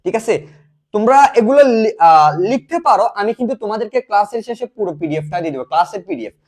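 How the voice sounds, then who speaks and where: A young male tutor with a fairly high voice that swings up and down a great deal. He runs a live online class and throws questions at the students, then answers them himself. He calls his listeners "bhaiya". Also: expressive, fast, a little mellow. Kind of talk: live class teaching grammar.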